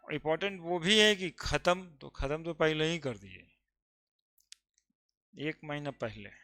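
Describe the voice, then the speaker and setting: A man teaching chemistry in a classroom, with a bright, crisp voice. He talks slowly and chats and jokes with his students. When he explains he gets loud and emphatic. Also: on the high side. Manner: chatty, joking with students before teaching.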